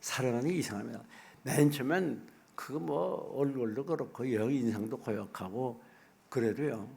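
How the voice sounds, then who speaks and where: A middle-aged man preaching a sermon as pastor, folksy and animated, acting out little asides. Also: mid-range voice, normal speed, gravelly, slight background noise.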